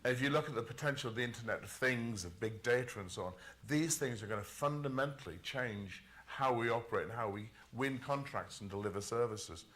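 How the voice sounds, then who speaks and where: A man speaking as a panelist at a conference, his voice sitting in an ordinary middle register. He talks in a measured, emphatic way and sometimes repeats a word as he builds a point. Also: medium pitch, fairly bright tone.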